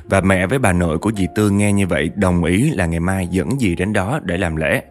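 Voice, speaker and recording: A man narrating a ghost story in a lively way, speaking directly to his listeners. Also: low voice, fairly quick.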